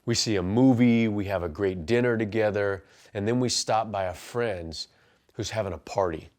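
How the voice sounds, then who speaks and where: A man's voice: on the low side, moderate pace, darkish tone. A man in his forties, a life coach and pastor, telling his own story earnestly and then giving punchy motivational advice. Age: 40s. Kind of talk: personal testimony and motivational talk.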